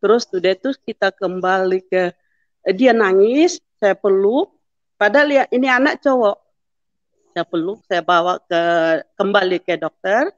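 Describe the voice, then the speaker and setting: A woman's voice: mid-range voice, a little slow, dry recording. A middle-aged woman giving a personal testimony, telling her story and acting out the dialogue. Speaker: testimony speaker. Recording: dull lo-fi sound.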